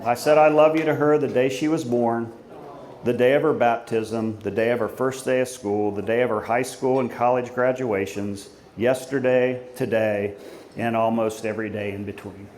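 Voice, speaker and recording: A middle-aged man giving an informal father of the bride speech at a wedding reception, conversational and anecdotal, pausing for the guests. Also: mid-range voice, fairly even intonation. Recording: echoey room, loud crowd and background noise. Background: crowd of guests, room noise.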